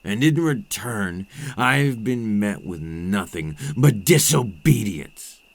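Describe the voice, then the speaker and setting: With a fairly low pitch and lively intonation, a man voices a cold, possessive vampire captor for an ASMR roleplay, his mood angry and warning. He delivers deliberate, condescending threats, dropping into breathy murmurs, on a dry recording.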